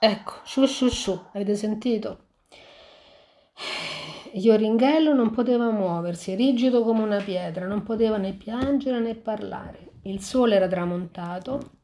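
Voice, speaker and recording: A woman reading a fairy tale aloud and pausing to reflect on it, talking in a halting way with frequent restarts. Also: medium pitch, mellow, slight background noise. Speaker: storyteller.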